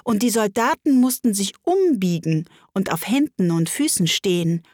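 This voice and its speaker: Woman, audiobook narrator, expressive, breathy-husky, close dry mic. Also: medium pitch, moderate pace, no room sound. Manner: expressive storytelling. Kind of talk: audiobook reading of a classic tale.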